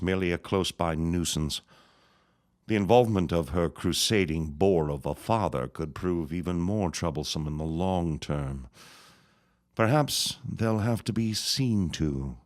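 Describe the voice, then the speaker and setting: In a period radio drama, a male actor voices a scheming, vengeful elder reverend, speaking in a pompous, florid, sneering way. His voice sits low and sounds cold and menacing, recorded clean in a studio with no echo.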